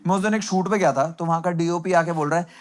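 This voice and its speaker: A man's voice: on the high side, fast talker. A young man performing a stand-up comedy set, self-mocking and conversational, acting out other people's lines. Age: young adult. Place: comedy club stage with live audience. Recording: loud audience laughter and noisy room.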